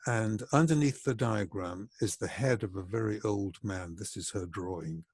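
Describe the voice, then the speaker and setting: A man giving a reflective psychology lecture, measured and explanatory, slowing down to stress key points. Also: lowish voice, husky, no room sound.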